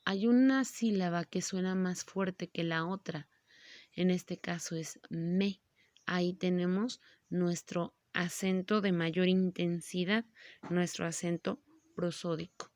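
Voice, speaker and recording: A woman teacher giving a grammar lesson, speaking slowly and patiently and stretching words out syllable by syllable. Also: fairly low pitch, fairly even intonation, darkish tone, dry recording.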